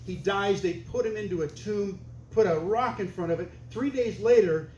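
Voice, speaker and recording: A man performs stand-up comedy in a dry, punchy, conversational style. His voice sits a little high for a man. It rings in an echoey club room over a faint hiss. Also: normal speed. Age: older. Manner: deadpan, conversational, punchy delivery. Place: comedy stage before a laughing audience.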